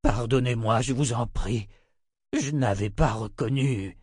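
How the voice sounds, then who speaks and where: A man playing a grudging, leering innkeeper who drags out his words. The voice sits low and unhurried, read dry and close for a storybook. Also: darkish tone, slightly rough, dry recording. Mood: fearful pleading. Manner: slow and grudging.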